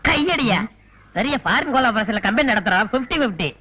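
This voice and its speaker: A man's voice: very high-pitched, lively intonation, a little fast, pushed and bright, husky, full character voice. An actor playing a hapless man who is mistaken for a corpse, bickering indignantly in a film comedy. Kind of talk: 1990s film comedy acting.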